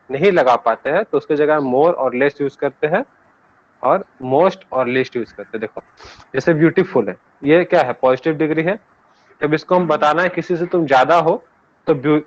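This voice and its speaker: Indian male teacher explaining grammar. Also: a little high. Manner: explains patiently, mixes languages, asks students for answers. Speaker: English teacher. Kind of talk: classroom grammar lesson. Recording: dull lo-fi classroom recording.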